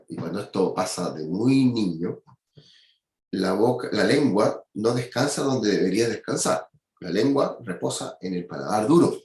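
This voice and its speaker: A man's voice: on the low side, darkish tone, reverberant. A man giving a university anatomy lecture, checking in with his students again and again. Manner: explanatory, peppers speech with "¿ya?" and "¿cierto?".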